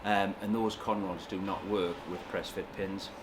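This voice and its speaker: A man's voice: sits low, little pitch movement, moderate pace. A man working as an engine builder, giving a casual technical explanation in a workshop. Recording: clear background noise in workshop.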